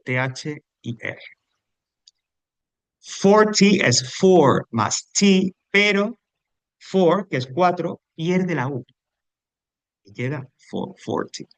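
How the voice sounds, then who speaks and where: Teacher, patient step-by-step explaining. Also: male voice, fairly high pitch, fairly bright tone, no room sound. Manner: explains step by step, often checks in with the class. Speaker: English teacher. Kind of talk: explanatory recorded lesson.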